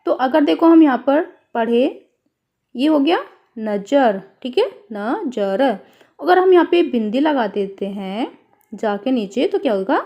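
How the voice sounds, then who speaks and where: A woman's voice: sits high, animated, a little slow, dull audio. A woman teacher explaining a worksheet to children, spelling words out syllable by syllable and calling her pupils "beta".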